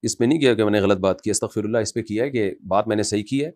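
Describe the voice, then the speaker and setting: A man, an Islamic scholar, answering a question in an impassioned advice talk, emphatic and scolding at times. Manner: emphatic, rises loud to scold, then drops low and quiet.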